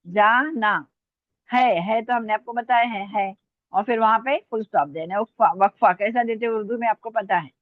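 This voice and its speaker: Woman teacher dictating slowly over a tinny line. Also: medium pitch, no echo. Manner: slow, deliberate dictation, spelling out letters. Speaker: Urdu teacher. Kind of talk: online language lesson dictation. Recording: tinny phone-like line, dry.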